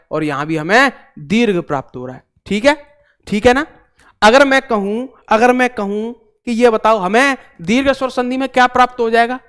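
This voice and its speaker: A male tutor with a high, smooth and fairly bright voice teaches an online exam-prep class. He's chatty, repeats himself and throws joking asides to viewers.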